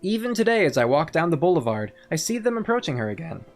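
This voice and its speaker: A woman talks casually through a video game she is playing, thinking aloud and chatting. Her voice sits a little low but moves a lot. Faint music plays behind her. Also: sing-song, fast talker. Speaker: game streamer. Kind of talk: casual let's-play commentary.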